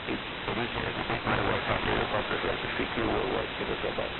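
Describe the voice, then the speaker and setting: A gravelly, low-pitched man with a Cuban accent hosts a scripted amateur radio program for hobbyists, explaining things briskly and clearly and spelling them out phonetically. His studio microphone is heard through a radio receiver, giving tinny shortwave reception with mains hum and static.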